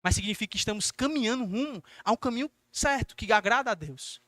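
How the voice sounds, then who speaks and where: A young man preaching a youth service sermon, earnest and exhorting, acting out gentle questions to his listeners. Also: high voice, lively intonation, quick pace, no echo.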